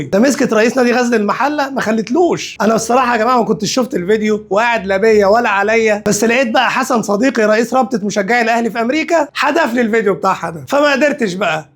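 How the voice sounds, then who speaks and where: A man's voice: very high voice, a bit bright. A man with an Egyptian accent hosting sarcastic football commentary, mocking and teasing. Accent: Egyptian Arabic. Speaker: sports commentary host.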